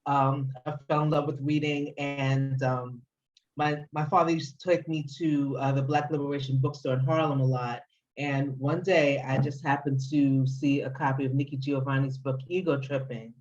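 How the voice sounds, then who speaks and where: A woman's voice: rumbling low, fairly even intonation, moderate pace, darkish tone. Give me a thoughtful woman from New York answering interview questions over muffled video call audio. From the Bronx, New York. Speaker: guest poet.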